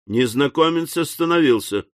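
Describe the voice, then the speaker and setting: Narrate as a man telling a comic tale: expressive and dramatic, with your pitch rising and falling freely, recorded close and dry. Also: normal speed, no echo. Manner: lively, dramatic reading. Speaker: audiobook narrator.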